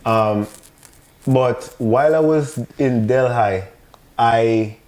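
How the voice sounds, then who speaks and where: Podcast guest: male, Jamaican accent, relaxed warm timbre, conversational and emphatic storyteller. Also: mid-range voice, slow. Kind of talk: casual personal storytelling.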